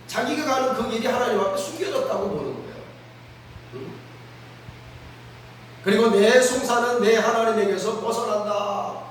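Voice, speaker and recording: Pastor, male, high voice, earnest preaching, prompts listeners often, recorded far off in a very echoey room. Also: a bit bright, slight background noise. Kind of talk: sermon. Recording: very echoey room, mic at a distance.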